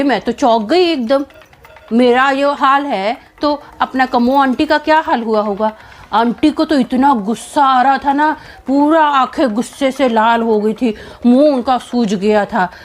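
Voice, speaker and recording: A woman telling a personal story in a casual vlog, animated and dramatic, with many fillers. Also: high-pitched.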